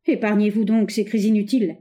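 A woman's voice: medium pitch, expressive, fast, mellow, natural voice. A woman voicing a brutal, obsessive masked male bandit in an audiobook reading, with an insistent, commanding delivery.

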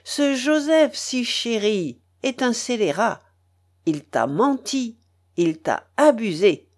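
A woman's voice: fairly high pitch, very animated, takes it slowly, voice pushed up, heavily acted. A woman reading an audiobook, voicing a vengeful, scornful male pirate who threatens with sneering emphasis.

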